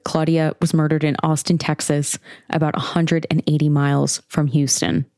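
A woman hosting a podcast, reading scripted true-crime narration in a measured, explanatory way. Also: low-pitched, flat delivery, dark tone, dry recording, studio quality.

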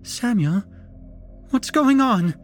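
Brief: a man playing a frantic young woman in a horror audio drama, shrill falsetto, loud, with faint music underneath. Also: fairly even intonation, very slow. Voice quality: high strained falsetto, screaming.

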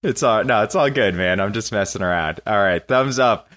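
A man's voice: fairly low pitch, moderate pace, fairly bright tone. A man hosting a casual sports podcast, joking with his co-hosts and laughing often as he runs the segment. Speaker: podcast host.

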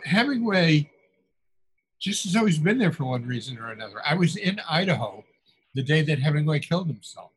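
Older man musing with soft chuckles. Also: on the high side, slightly rough, low-quality recording. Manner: musing, chuckles often, trailing fillers. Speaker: author guest. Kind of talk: reflective interview storytelling.

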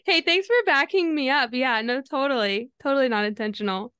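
A woman's voice: sits high, a little fast, a bit bright, smooth, no room sound, clean studio sound. A young adult woman hosting a podcast in a casual chat, upbeat and chatty, laughing often. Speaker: podcast host.

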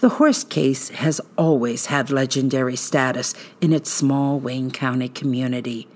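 Low-pitched woman, suspenseful true-crime narrator. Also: steady tone, unhurried, a little mellow. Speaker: podcast host and narrator.

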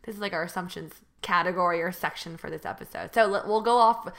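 A woman's voice: lowish voice, quick pace, fairly bright tone. A young American woman hosting a podcast, talking casually with lots of restarts. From United States. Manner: hesitant, many fillers and restarts. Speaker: podcast host. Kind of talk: casual chat.

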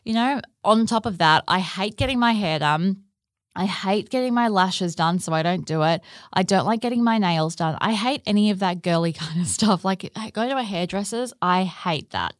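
A woman's voice: medium pitch, moderate pace, no room sound, studio quality. An Australian woman hosting a podcast solo, talking casually in a chatty, informal, lightly sweary way. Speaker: podcast host.

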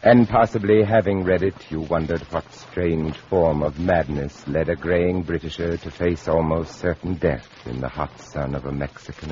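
An actor playing a graying, fatalistic writer near fifty, narrating an old radio drama in a literate, melodramatic way. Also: male voice, low-pitched, darkish tone, slight background noise. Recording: dull lo-fi old radio recording. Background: prominent music.

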